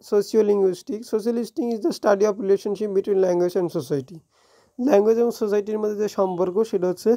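A woman with a Bengali accent teaching an exam review lesson. She reads English definitions slowly, explains them quickly and often corrects herself. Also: medium pitch, warm tone. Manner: frequent self-corrections and restarts.

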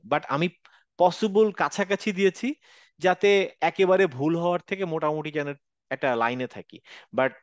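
A man's voice: on the high side, no echo. A man teaching a Quran reading class online, explaining patiently step by step and mixing in English phrases. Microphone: video call. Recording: dull lo-fi online class audio.

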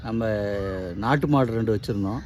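A man's voice: medium pitch, fairly quick, a little mellow. Man, casual and matter-of-fact, outdoors with faint background noise. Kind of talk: casual chat. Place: outdoors on a farm.

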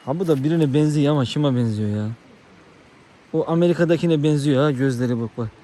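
A man filming a casual vlog on a farm, his voice a little high. He swings between excited shouts and soft, soothing words to the dogs. Faint noise sits under the recording. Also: brisk. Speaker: vlogger.

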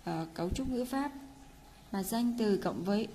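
A woman teaching Korean in a casual lesson, patiently repeating words slowly for learners. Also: mid-range voice, expressive, mellow, a little hiss or hum. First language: Vietnamese.

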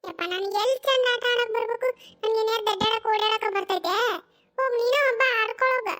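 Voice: very high-pitched, brisk, pushed and bright. A performer voicing an old cartoon grandmother with a North Karnataka Kannada accent who coaxes and soothes a grandchild and complains of aching legs. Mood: pleading. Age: older. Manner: pleading, coaxing, soothing. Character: old village grandmother, tired legs, gentle. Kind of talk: cartoon character voice.

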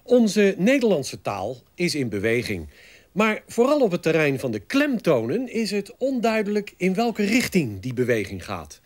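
A man's voice: sits high, huge pitch swings, normal speed, no echo. A man presenting satirical comedy sketches in a mock-indignant, incredulous manner.

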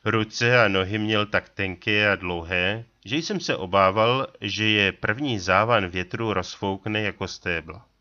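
A man reading an adventure story aloud in a steady, deliberate narrating style. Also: fairly low pitch, dull audio. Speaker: audiobook reader.

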